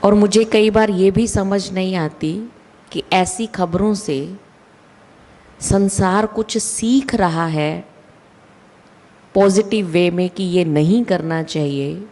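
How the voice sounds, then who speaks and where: A woman giving a slow, deliberate spiritual talk with emphatic rises in her voice. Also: medium pitch, a little mellow. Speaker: spiritual speaker. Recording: long hall reverb.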